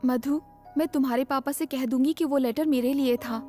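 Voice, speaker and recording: A woman voicing a chatty young female friend in a dubbed film, eager and rushed. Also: sits high, fairly even intonation, mellow, soft background music, natural voice. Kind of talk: Hindi film dubbing.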